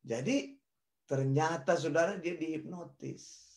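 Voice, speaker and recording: A man's voice: fairly high pitch, a little slow, creaky. A man teaching the Bible in sermon style, telling a story and addressing his listeners directly. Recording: roomy echo.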